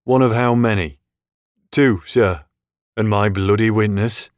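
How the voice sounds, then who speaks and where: A hard-pressed detective barks curt questions, as a male narrator reads him. The voice is raised and louder than the narration, but stays low and dry in the audiobook. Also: a little slow, no room sound, lightly acted. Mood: angry. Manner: curt, demanding. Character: tough, angry male police detective.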